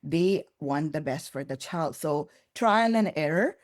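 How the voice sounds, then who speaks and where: A woman's voice: sits low, animated, measured pace. A woman being interviewed on a podcast, speaking thoughtfully and earnestly, sometimes restarting words as she searches for them. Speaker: early childhood curriculum developer, guest.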